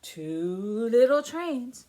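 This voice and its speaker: A woman in her fifties runs a baby story time at a library, speaking and chanting rhymes and songs in an exaggerated sing-song style. Her warm voice is fairly high, with big pitch swings and drawn-out words. The small indoor room has an alphabet backdrop and faint background noise.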